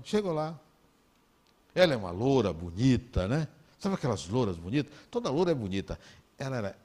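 Lively Brazilian man telling stories. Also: mid-range voice. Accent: Brazilian Portuguese. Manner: animated, conversational, acts out dialogue. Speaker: speaker giving a talk. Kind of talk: anecdotal storytelling talk.

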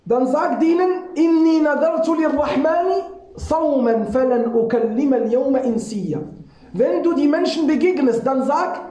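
A woman giving a lively religious lesson, asking her listeners rhetorical questions and reciting Arabic scripture quickly. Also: high-pitched. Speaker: religious teacher. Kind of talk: religious lesson to a small audience. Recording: echoey room.

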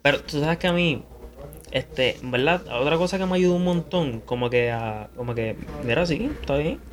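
A man's voice: on the high side, moderate pace. A man, a podcast guest talking casually and hesitantly, often restarting sentences. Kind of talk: casual conversation.

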